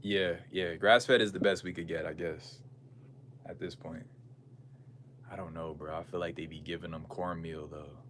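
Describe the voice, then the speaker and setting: A man's voice: low voice, fairly even intonation, moderate pace, a bit bright. An American man in a casual livestream chat, musing aloud in slangy, conversational talk as he answers viewers. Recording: clear background noise and ambience.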